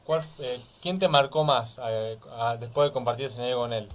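A man puts a question to a guest as a radio panelist. His voice sits at an ordinary middle pitch, and he asks politely, pausing with small hesitations. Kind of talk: interview question.

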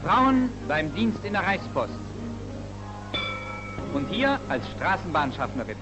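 A man's voice: high-pitched, big pitch swings, slow pace, muffled recording. A man reading the narration of an old newsreel in a formal, declamatory announcer style. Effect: old newsreel soundtrack. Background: music.

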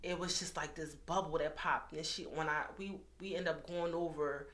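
A woman in her thirties, telling her own story in a casual interview, candid and animated, often acting out what others said. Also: low-pitched, moderate pace. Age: 30s. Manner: candid, animated, acts out quoted voices. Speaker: guest.

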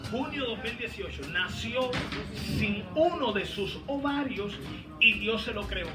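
A man preaching, his high voice swinging from quiet storytelling to shouted exclamations. He sounds far from the microphone in a reverberant hall, with steady noise behind him. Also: measured pace, over loud music. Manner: fervent, rising to shouts, teasing asides. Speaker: pastor. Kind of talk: sermon. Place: large hall, voice heard from a distance. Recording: echoey hall, distant mic, background noise.

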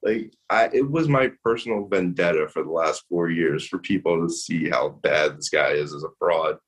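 Low husky philly guy ranting bout his team, lots of i i restarts. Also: moderate pace. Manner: ranting, repeats words, restarts often. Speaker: sports radio caller as guest. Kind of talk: casual chat.

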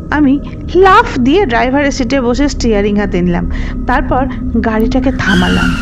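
A woman reading a first-person story in a measured, suspenseful manner. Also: on the high side. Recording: dull lo-fi recording with noise.

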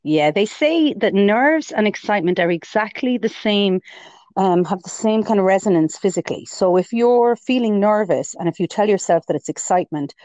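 A woman with a low voice for a woman chats as a guest in a relaxed interview, at a moderate pace. She tells stories warmly and readily, quoting her own inner voice and laughing. The sound is dry and close, with no echo or room around it.

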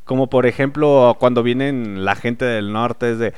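A man's voice: medium pitch, a little slow, clear, resonant tone, no echo, studio quality. A man from León, Guanajuato, with a Bajío Mexican accent, hosting a casual radio chat, slangy and joking, swearing freely. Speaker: radio host.

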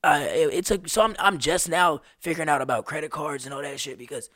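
A man in his twenties, a guest on a podcast, telling stories in an animated, slangy way. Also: on the high side, quick pace, no echo, studio quality. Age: 20s. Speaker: podcast guest, street performer. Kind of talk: casual conversation.

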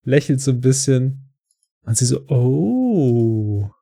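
A man's voice: mid-range voice, moderate pace, vocal fry, warm tone, slightly rough. A man co-hosting a podcast, casually retelling a TV episode in a loose, rambling way full of fillers. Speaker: podcast co-host recapping a TV episode. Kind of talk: casual chat.

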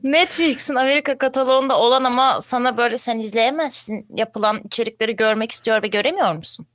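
A woman's voice: a little high, steady tone, fast talker, a bit bright, no echo. Upbeat woman co-hosting a podcast. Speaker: podcast co-host. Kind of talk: casual chat, reading a sponsor segment.

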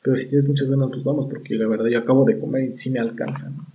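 A man's voice: mid-range voice, very fast, recorded from a distance, lo-fi sound, a little hiss or hum. A young man with a Mexican accent telling a story in casual, profane chat. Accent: Mexican Spanish. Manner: slangy, profane, animated storyteller.

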